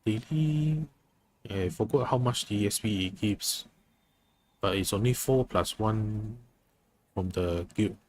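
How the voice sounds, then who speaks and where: A man livestreaming a game chats casually with his viewers during gameplay, thinking aloud hesitantly. His voice is fairly low and slow, with long pauses.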